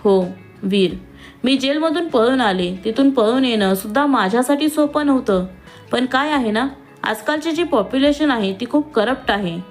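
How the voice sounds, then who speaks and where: A woman's voice: on the high side, animated, moderate pace, faint music behind, close to an everyday voice. A woman voicing a scheming, vengeful young woman who has escaped from jail and talks in a taunting, sneering way.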